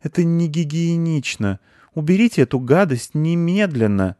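A man's voice: on the high side, animated, normal speed, a little mellow, no room sound, clean studio sound, pitched above the performer's own voice, natural voice. A man voicing a haughty, pampered female house cat who speaks in a prim, condescending way.

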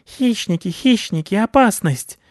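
Man putting on a high squeaky bat chief, anxious, fussy, storybook voice, dry close sound. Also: animated, unhurried, no echo. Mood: alarmed. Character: squeaky anxious male bat colony leader. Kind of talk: storybook reading.

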